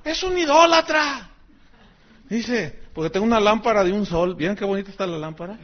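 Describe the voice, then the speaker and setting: A middle-aged Mexican pastor preaches in a loose, joking manner and acts out the voices of people in his stories. His voice sits high for a man. The recording sounds dull and lo-fi. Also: fast, noisy background. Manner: chatty and joking, acting out quoted voices. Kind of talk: sermon with personal anecdotes.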